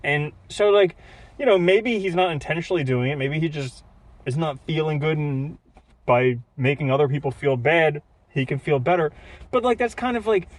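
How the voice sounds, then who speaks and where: Dude telling a story on a podcast, jokey and lively, kinda high voice. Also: male voice, moderate pace, no echo. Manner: storytelling, joking, animated. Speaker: podcast co-host. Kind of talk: casual chat.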